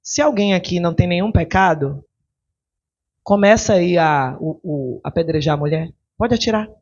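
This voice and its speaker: A woman preacher voicing a calm, gentle grown man who teaches slowly and softly. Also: lowish voice, husky, pitched below the performer's own voice. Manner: slow, soft, measured. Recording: dull lo-fi recording.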